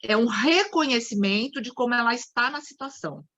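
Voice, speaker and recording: A woman's voice: on the high side, lively intonation, a little fast, a bit bright, lo-fi sound. A Brazilian woman lecturing a study group on psychodrama, explaining with acted-out examples and frequent restarts. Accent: Brazilian Portuguese.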